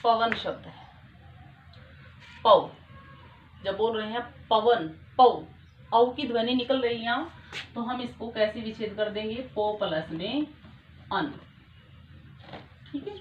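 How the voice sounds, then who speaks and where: A woman's voice: a little high, measured pace, pauses often. A young woman teaching a grammar lesson, patiently repeating each point and checking that her students follow. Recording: echoey room, dull lo-fi sound, faint noise.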